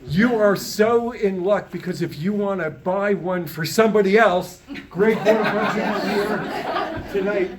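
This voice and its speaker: Very noisy, with a loud crowd, this clip features an older man in his 60s or above emceeing from a stage podium before a small live audience. He introduces the show in a folksy, joking, informal manner, chatting with the audience in an unhurried, high-pitched voice.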